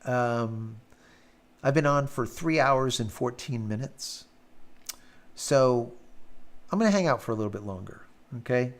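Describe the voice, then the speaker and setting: A man's voice: medium pitch, animated, measured pace, long pauses. Blunt, swearing man with sore throat. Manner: blunt, ranting, swears freely. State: sore, worn throat after hours of talking. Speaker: live-stream host. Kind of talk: casual live-stream chat.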